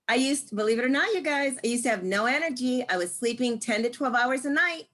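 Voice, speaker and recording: A woman in her sixties giving a casual, lively testimonial, laughing often. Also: fairly high pitch, rough recording. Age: 60s. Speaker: guest speaker.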